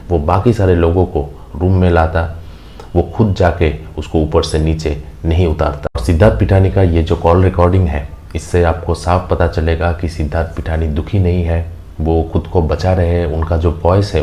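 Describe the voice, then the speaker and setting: A man with an Indian accent hosts opinionated news commentary, speaking emphatically and repetitively in a low voice with a dark tone. Faint background noise is present.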